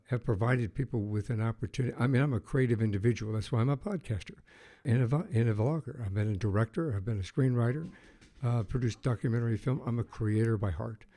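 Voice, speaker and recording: A man hosts a podcast in a soft, mellow voice. He opens with a tidy scripted introduction before settling into a measured, conversational interview, often pausing on fillers as he gathers his thoughts. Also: mid-range voice. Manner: measured, hesitant with fillers when chatting. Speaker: podcast host.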